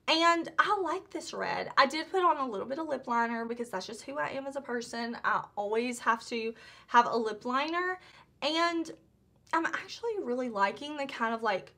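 Woman, beauty vlogger, high voice, bright tone, gushing casual chat, lots of "like". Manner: gushing, chatty, full of "like" and restarts.

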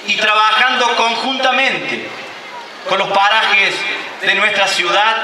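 A man in his thirties with an Argentine Spanish accent, a mayor, reads a prepared formal speech in a declamatory manner from a lectern stand mic. His voice sits high. He's on a covered outdoor stage at a public ceremony, and the echoey PA sound is heard from far off, with background noise.

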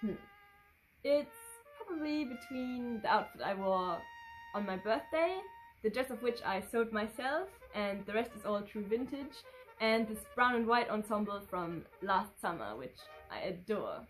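A native German speaker in her twenties, a vintage fashion vlogger, reads her fans' questions aloud and answers them chattily on the spot from a living room with a red curtain and sofa. Her mid-range voice is animated and unhurried, with soft background music on a low-quality recording.

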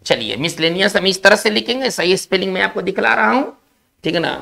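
A male teacher giving a spelling lesson, explaining slowly, repeating key words and checking in with his class. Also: high-pitched, lively intonation, gravelly, sharp tone.

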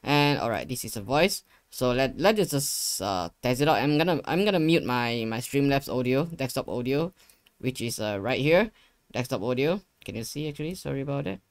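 An informal young tutorial host, speaking at normal speed in an animated medium-pitched voice, talks viewers through his screen from a desk in his gaming room. He repeats himself often. There is no room sound, so the audio is dry.

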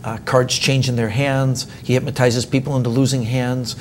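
A man in his forties, a magician guest in a dark TV studio, talking animatedly and acting out little scenes with a chuckle, on a lapel mic. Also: medium pitch, normal speed, slight background noise. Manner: animated storyteller, acts out quoted lines, chuckles often. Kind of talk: casual studio discussion.

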